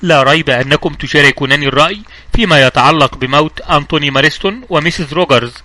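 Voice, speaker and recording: A man reading the part of a calm, authoritative elderly judge, speaking in measured, clear words. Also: on the high side. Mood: commanding. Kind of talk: audiobook reading.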